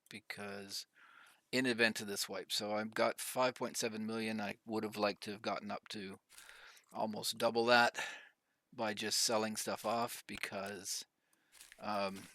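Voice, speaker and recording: A man's voice: fairly low pitch, little pitch movement, normal speed, sharp tone, no room sound. A middle-aged man with a slight cough, rambling through casual gameplay commentary with many fillers. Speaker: gaming YouTuber.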